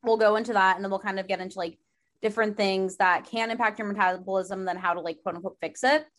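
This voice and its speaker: Young woman, bit hoarse from a sore throat, chatty podcast host, says like a lot. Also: mid-range voice, fairly even intonation, fast talker, a bit bright. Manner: chatty, many "like" fillers. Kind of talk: casual chat.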